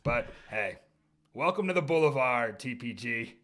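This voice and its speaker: A man's voice: medium pitch, lively intonation, normal speed, fairly bright tone. A young man co-hosting a casual sports podcast, opening the show and joking with his partner in upbeat banter. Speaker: podcast co-host.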